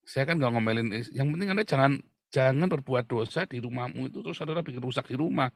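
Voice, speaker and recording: A middle-aged man preaching a casual, joking sermon, dropping to low murmurs and then shouting out loud. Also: quick pace, vocal fry, dry recording, studio quality. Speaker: pastor.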